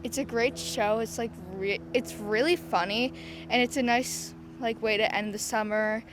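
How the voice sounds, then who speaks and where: A woman cast member outdoors, answering quietly with many "like"s. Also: a little high, fairly even intonation, moderate pace, noisy background. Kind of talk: casual interview answers. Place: outdoor theatre stage.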